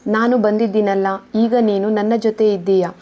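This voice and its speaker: A woman's voice: mid-range voice, level tone, normal speed, mellow, lightly acted. A woman reading the lines of a loving older mother-in-law who comforts a crying young woman. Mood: tender. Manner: tender and comforting.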